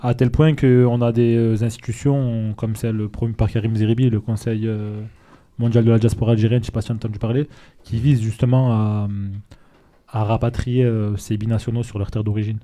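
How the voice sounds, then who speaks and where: A man hosting a casual interview, asking questions in a relaxed, conversational way. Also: lowish voice, brisk. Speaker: host.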